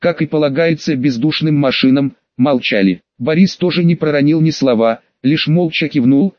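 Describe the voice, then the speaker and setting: A man reading an audiobook in steady first-person storytelling. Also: a little high, moderate pace, no room sound. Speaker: audiobook narrator. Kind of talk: scripted narration. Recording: dry, slightly dull lo-fi.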